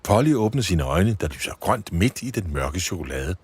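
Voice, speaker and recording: A man reading a Christmas story for children, with expressive storybook narration. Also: low-pitched, breathy edge.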